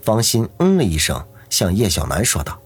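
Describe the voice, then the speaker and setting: A man narrating an audiobook novel in a steady storytelling manner. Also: lowish voice, normal speed, slightly rough, dry recording, faint music behind. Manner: steady storytelling, doing every character.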